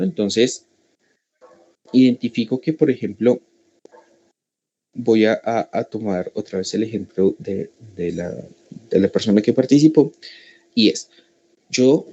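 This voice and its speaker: Speaking in a warm, mid-range voice on a recording with the highs cut off, a Colombian Spanish-accented man walks parents through a school family workshop one step at a time. He keeps asking "¿cierto?" and "¿sí?" to check they're following.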